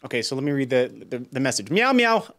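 A man reacting with excited, incredulous exclamations while livestreaming as a pianist. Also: medium pitch, rapid-fire, vocal fry. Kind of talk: live-stream reaction chat.

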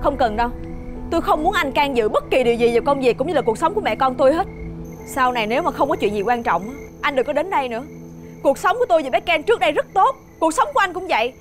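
A woman's voice: high voice, expressive, fast, soft background music. Worried Southern Vietnamese mother. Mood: cold. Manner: urgent, pleading, then firm and cool. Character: worried single mother, firm and protective. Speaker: actress in a TV family drama. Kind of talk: television drama acting.

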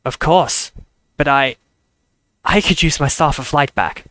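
An earnest young male hero speaks plainly in a slightly high voice, voiced by a male reader. The sound is close and dry, from a storybook reading. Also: a little slow, a bit bright, no room sound.

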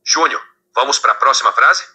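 A man's voice of an AI tutor, speaking patiently and encouragingly, slowing down for the model phrases. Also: medium pitch, sharp tone, husky.

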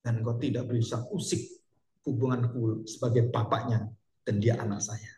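A man's voice: medium pitch, little pitch movement, normal speed, darkish tone, roomy sound, slight background noise, voice pushed down, lightly acted. A man voicing a grieving old king, a loving father. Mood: grieving, firm.

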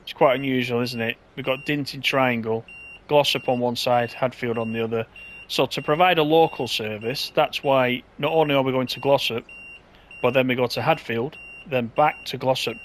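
A man's voice: medium pitch, fairly even intonation, normal speed, a little hiss or hum. A man giving casual, chatty gameplay commentary as he drives a train, thinking aloud in an easygoing way.

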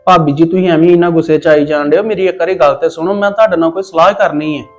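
Give me a man with a Punjabi accent, reasonable and pleading, with soft music underneath. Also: on the high side, steady tone, very fast. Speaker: visiting relative. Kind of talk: Punjabi family drama acting.

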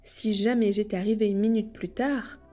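A woman voicing Alidor, a kind and loyal big dog who talks calmly, in a storybook reading. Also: mid-range voice, moderate pace, faint music behind, natural voice. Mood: telling.

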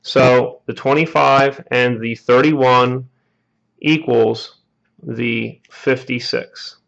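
A man's voice: mid-range voice, steady tone, extremely slow, vocal fry, fairly bright tone, muffled recording. A man, an HVAC technician, walking through a repair step by step at a workshop bench, often checking in with "all right?" and "okay?". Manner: explanatory, peppers lines with "all right?" and "okay?". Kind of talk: hands-on repair tutorial.

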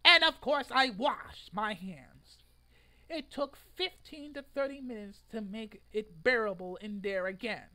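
Sitting high and sounding animated, this twenties-aged man speaks a little slowly as he dramatically performs a written post in a room at home. He's an online video creator, and his over-the-top theatrical delivery erupts now and then into loud bursts.

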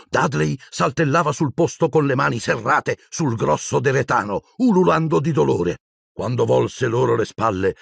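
A middle-aged man narrating an audiobook in an expressive, theatrical storytelling manner with a gravelly, husky voice. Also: medium pitch, no room sound, clean studio sound.

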